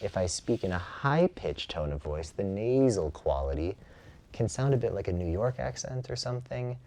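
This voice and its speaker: A man with a close mic, speaking in a thoughtful and reflective way during a casual conversation, often pausing on fillers. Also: on the low side, animated, mellow. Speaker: relating practice facilitator.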